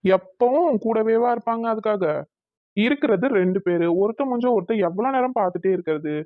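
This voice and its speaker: A woman's voice: on the high side, a little fast, no echo, lightly acted. A woman voicing an easygoing young husband and big brother in a Tamil cartoon, with a colloquial Tamil Nadu accent, grumbling and coaxing. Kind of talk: cartoon voice acting. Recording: thin phone-like dry sound.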